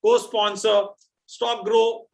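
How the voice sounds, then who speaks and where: A man with a high voice and a South Indian accent works as a quiz host. He chats and teases as he goes, explaining things off the cuff. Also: flat delivery, slow.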